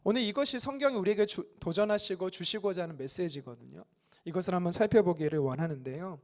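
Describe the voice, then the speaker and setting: A man's voice: high-pitched, fast talker. A male pastor in his thirties preaching a Wednesday prayer sermon in a conversational way, now and then acting out complaining voices. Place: church sanctuary.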